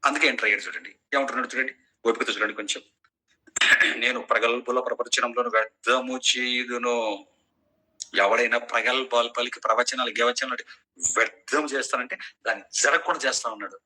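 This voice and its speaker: A man's voice: medium pitch, fast, bright, forceful tone, breathy edge, poor audio. A middle-aged man preaching a sermon in an online class, emphatic and full of rhetorical questions to his listeners.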